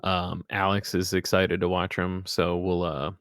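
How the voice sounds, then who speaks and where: A man's voice: low-pitched, unhurried, clear, resonant tone, dry recording, clean studio sound. A young man from West Virginia with a mild Hoosier accent, chatting casually on a podcast and telling folksy stories. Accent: Indiana Hoosier, faint West Virginia traces. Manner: relaxed storyteller, folksy sayings. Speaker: podcast co-host. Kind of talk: casual chat.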